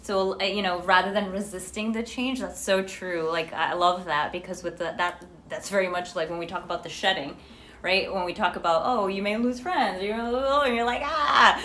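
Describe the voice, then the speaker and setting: A woman's voice: medium pitch, normal speed, sharp tone. A woman with a Colombian Paisa accent co-hosting a livestream, chatting casually with viewers in an effusive, giggly manner. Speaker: livestream co-host. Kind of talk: casual chat with live viewers. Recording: noisy livestream audio.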